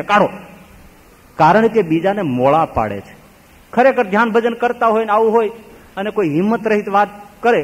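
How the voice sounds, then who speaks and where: A man preaching a sermon as a swami, telling stories with animated swings between loud exclaims and low murmurs. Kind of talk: Gujarati sermon with storytelling. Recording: long reverb of a hall.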